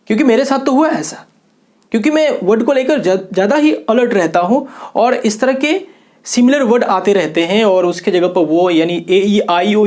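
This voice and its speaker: A man's voice: high voice, a little mellow. A man from Bihar, India, giving a video lesson as an English teacher, spelling words out letter by letter and asking his viewers questions he then answers himself. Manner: asks the viewer rhetorical questions and answers them. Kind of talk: classroom-style video lecture.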